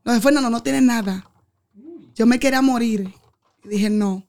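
A woman's voice: on the high side, moderate pace, darkish tone. A woman chatting on a podcast, laughing often and acting out quoted lines as she tells stories. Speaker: podcast guest. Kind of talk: casual chat.

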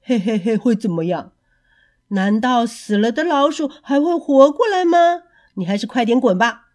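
A boastful, greedy mayor from a storybook, put on by a woman narrator. He sneers and scoffs with a swinging, lively voice that sits fairly high. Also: normal speed. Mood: scornful. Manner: smug, scornful. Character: greedy boastful middle-aged male mayor.

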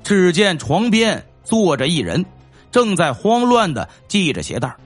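Male narrator with a husky, animated delivery for a true-crime serial. Faint background music. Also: measured pace. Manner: acts out dialogue in lower voices. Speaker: storyteller. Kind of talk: dramatized crime story reading.

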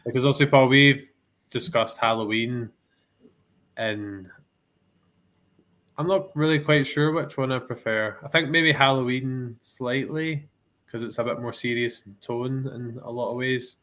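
A man's voice: medium pitch, a little slow, fairly bright tone. A man co-hosting a film podcast, asking his guests questions in an easygoing way. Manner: inquisitive, easygoing. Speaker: podcast co-host. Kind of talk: casual film discussion.

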